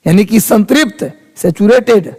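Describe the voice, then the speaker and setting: Male teacher, husky, high voice, casual classroom banter. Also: lively intonation, unhurried, warm tone. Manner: chatty, teasing students in rustic Hindi. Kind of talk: live classroom lesson. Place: classroom with students. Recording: long reverb of a hall.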